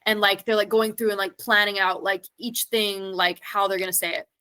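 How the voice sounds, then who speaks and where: At a quick pace, a woman with a medium-pitched voice, a steady delivery, and a sharp tone answers questions as an interview guest. She's a singer and actor who reflects out loud, rambling and saying "like" a lot in the easygoing chat.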